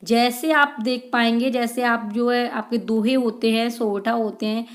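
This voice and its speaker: A woman's voice: on the high side, fairly even intonation, a little slow. A woman teaching an exam-prep lesson, reading out questions and answering them and calling her viewers friends.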